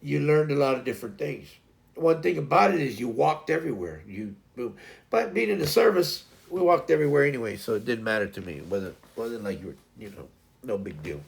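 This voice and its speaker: A man's voice: medium pitch, animated, brisk, vocal fry. A man hosting a livestream, rambling loosely through a casual story with lots of fillers and restarts. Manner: frequent laughter. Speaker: livestream host.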